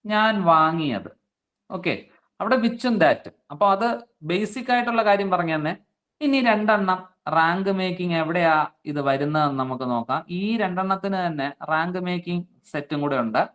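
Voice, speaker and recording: A man's voice: on the high side, fairly bright tone. A man teaching an online exam-prep class, reading out student names and checking their answers. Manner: slow, coaxing explanations.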